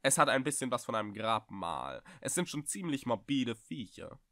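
A man's voice: medium pitch, big pitch swings, normal speed, sharp tone, no echo, studio quality. Man doing a sly, creepy old master. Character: eerie old master with a bony voice.

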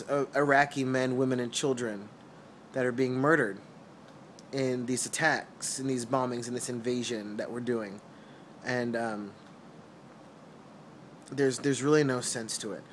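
A young man from New York City giving his earnest, halting opinions in a casual vlog, recorded on a phone held close while lying on a couch at home. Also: mid-range voice, a little hiss or hum. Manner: earnest, hesitant with many ums and restarts. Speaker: vlogger. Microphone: phone camera held close.

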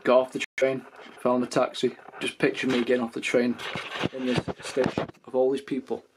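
A man's voice: medium pitch, completely flat delivery, moderate pace, background noise. A young man from England, talking casually to his camera in a rambling vlog rant. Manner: chatty, rambling, acts out drunk anecdotes in raised voices. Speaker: vlogger. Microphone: camera mic.

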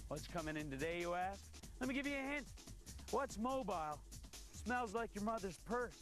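A man in his thirties presenting a game show segment outdoors in a theatrical, deliberate way. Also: sits high, animated. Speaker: road segment host. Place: outdoors in a park with a crowd. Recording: crowd and faint music behind.

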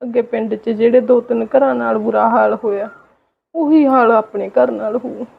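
A meek, patient old village mother, played by a woman in a homemade family drama. Her voice is husky and a little raised in pitch, soft and resigned, and it comes through a dull lo-fi recording. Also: steady tone, normal speed, full character voice. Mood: sorrowful.

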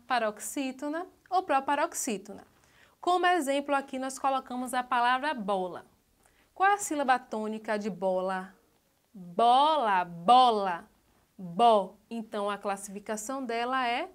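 A woman's voice: high voice, fairly bright tone. A woman teacher, giving a grade-school lesson and stretching out syllables as she sounds out words, often asking the class questions. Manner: slow, drawn-out syllables when sounding out words; asks the class frequent questions.

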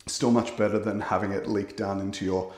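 A man, explaining waterproofing work in a relaxed way as he walks through a bathroom under renovation, filming on a phone. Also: fairly low pitch, fairly quick. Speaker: waterproofing expert. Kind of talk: on-site walkthrough explanation. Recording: echoey small tiled room.

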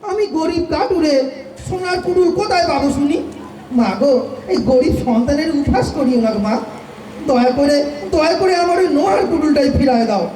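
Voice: sits high, lively intonation, fairly quick. A performer voicing a fretful, henpecked poor woodcutter in a radio play, talking in a rustic way and lamenting often. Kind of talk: amateur radio play acting. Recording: echoey room with faint noise.

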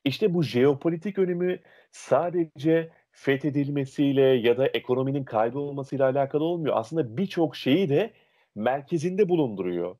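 A young adult man, a diction instructor, explaining dialects and speech in an interview with lively, illustrative examples. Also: mid-range voice, moderate pace.

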